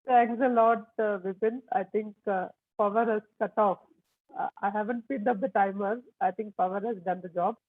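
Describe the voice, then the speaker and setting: General evaluator, tinny phone-like line, middle pitch, hesitant, many fillers, online meeting. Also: fairly even intonation, moderate pace.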